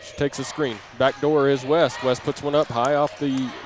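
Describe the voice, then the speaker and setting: Flat and moderately paced, a medium-pitched man does live basketball play-by-play in clipped, running phrases. The recording, made in a gym, is full of noisy ambience, clear game sounds and a bouncing ball.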